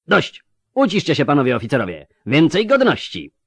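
A man's voice: mid-range voice, moderate pace, a little mellow, no room sound, voice pushed up, natural voice. A man voicing a stern imperial officer who gives orders in a cold, formal way. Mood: shouting.

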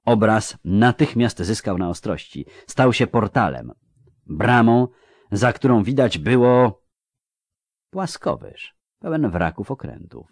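A man reading a fantasy novel aloud in a measured, dramatic way. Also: fairly low pitch, animated, no echo, studio quality. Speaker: audiobook narrator. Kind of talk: scripted literary narration.

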